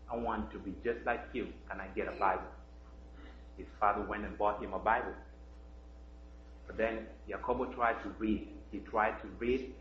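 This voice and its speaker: A man from Kenya, telling a story during a children's sermon, gently, with many "uh" fillers and questions to the kids. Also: lowish voice, slight background noise. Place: church sanctuary. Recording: dull roomy church recording.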